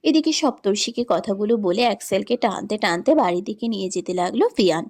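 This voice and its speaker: A woman reading a romance story in scripted narration, with steady, even storytelling. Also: mid-range voice, fast.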